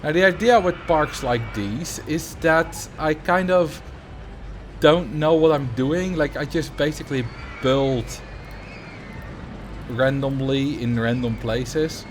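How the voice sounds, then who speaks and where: A Dutch man from the Netherlands streams himself playing a building game, chatting casually with viewers and thinking out loud. His voice is fairly high and slow, with a little hiss or hum in the audio.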